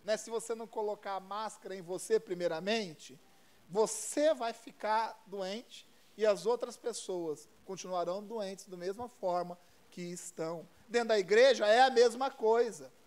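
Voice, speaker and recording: Brazilian male pastor, high voice, chatty folksy sermon delivery with lots of repetition. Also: normal speed. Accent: Brazilian Portuguese. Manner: conversational, repetitive, folksy storytelling. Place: church service.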